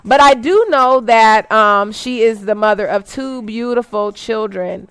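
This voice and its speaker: A woman's voice: fairly high pitch, unhurried, fairly bright tone, clear, resonant tone, no echo. A woman hosting an inspirational talk radio show, upbeat and teasing, who sometimes stumbles over words and corrects herself. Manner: upbeat, teasing, laughs at own jokes.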